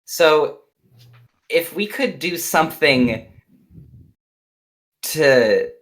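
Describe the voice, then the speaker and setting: A man's voice: fairly high pitch, animated, drawn-out words, a bit bright, low-quality recording. A man talking casually as a player in a tabletop role-playing game.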